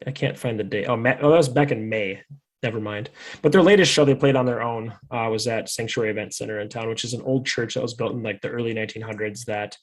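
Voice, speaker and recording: A fast-talking podcast host from Fargo, North Dakota, with a medium-pitched voice keeps up a casual, rambling chat. His manner is laid-back and jokey.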